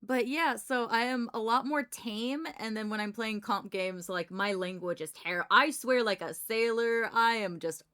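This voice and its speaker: A woman's voice: a little high, a little slow, few pauses, fairly bright tone, clean tone. A woman livestreamer chatting casually in an informal, rambling way.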